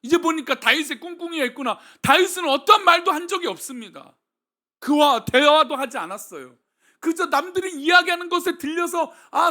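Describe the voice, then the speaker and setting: A senior pastor with a very high voice preaches a sermon, posing rhetorical questions to the congregation. His delivery swings between soft and loud.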